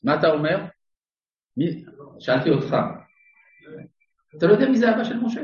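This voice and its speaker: Male rabbi, Torah lesson to a live audience, animated intonation, questions his listeners, dry humorous asides, echoey room, distant dull mic. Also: sits high. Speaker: rabbi teaching a class.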